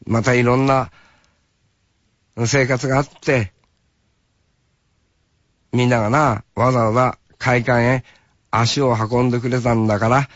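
A man hosting a radio show in a casual, drawling, folksy way, often tacking a rough "nah" onto his sentences. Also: mid-range voice, no room sound, lo-fi sound. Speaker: radio host.

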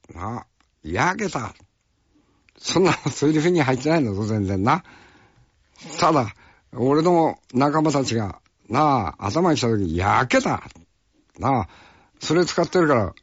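A man from Fukuoka who works as an actor recalls a film shoot in casual, unhurried storytelling. He speaks in a rough, folksy way and keeps adding little tag questions. The recording is dry and slightly muffled. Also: medium pitch, no room sound.

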